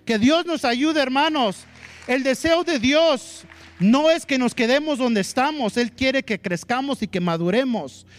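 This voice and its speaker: A male pastor gives an animated sermon, switching into English phrases and acting out what people say. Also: extremely high pitch, unhurried, soft background music. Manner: mixes Spanish with English phrases; animated preaching that acts out quotes.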